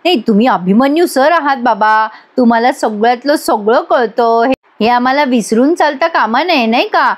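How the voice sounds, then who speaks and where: A woman voicing a flattering, agreeable young male teacher. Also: on the high side, moderate pace. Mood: fawning. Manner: fawning, agreeable.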